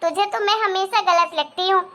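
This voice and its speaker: A woman voicing a jealous, complaining middle-aged mother in a cartoon, talking slower and lower than the others. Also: steady tone, pushed and bright. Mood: grumbling. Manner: complaining, sulky. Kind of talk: animated cartoon voice acting.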